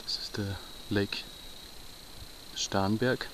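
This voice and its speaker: A man in his thirties with a German accent, hosting a bushcraft vlog on a mountain, speaking slow, simple English. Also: lowish voice, fairly even intonation. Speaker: bushcraft channel host. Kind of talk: outdoor vlog narration. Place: outdoors on a mountain. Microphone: handheld camera mic. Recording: loud outdoor noise on camera mic.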